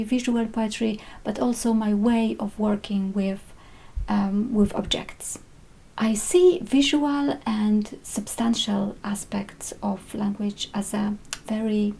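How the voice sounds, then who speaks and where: A Polish visual artist whose first language is Polish speaks in a gravelly, mellow, mid-range voice. She reflects on her art practice in a measured way, with frequent hesitations.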